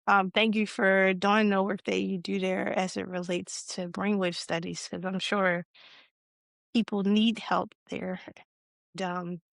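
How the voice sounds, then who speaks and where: A woman hosting a podcast, asking interview questions warmly and affirming her guest, with a few "um"s. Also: mid-range voice, vocal fry, dry recording. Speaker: podcast host.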